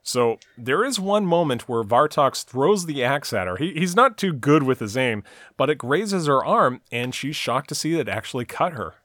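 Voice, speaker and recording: A man's voice: medium pitch, sing-song, normal speed, fairly bright tone, no echo, studio quality. A man co-hosting a casual podcast, recapping a TV episode scene by scene with frequent "uh" and "you know". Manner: narrates the plot at length, with frequent "uh" and "you know".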